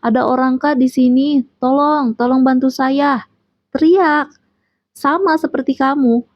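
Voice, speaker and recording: A woman's voice: on the high side, a little mellow, no echo, muffled recording. A woman, giving a motivational monologue and coaching the listener with direct questions. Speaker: motivational speaker.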